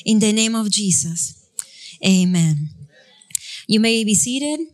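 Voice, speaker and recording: In a church sanctuary, a young Argentine woman pastor, a native Spanish speaker with an Argentine Spanish accent, leads congregational prayer and then preaches. She's chatty and self-deprecating and laughs often. Her medium-pitched voice is expressive and slow.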